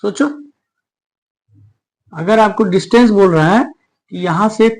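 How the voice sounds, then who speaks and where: A man's voice: high voice, measured pace, a little mellow, poor audio. A man teaching a school maths lesson at a board, explaining step by step and asking his students questions as he goes.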